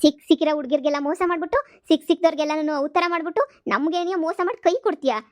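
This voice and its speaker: A woman's voice: high-pitched, no echo, close to an everyday voice. A woman doing a furious scolding village wife. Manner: rapid cursing tirade. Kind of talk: cartoon comedy dubbing. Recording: slightly dull, dry dub.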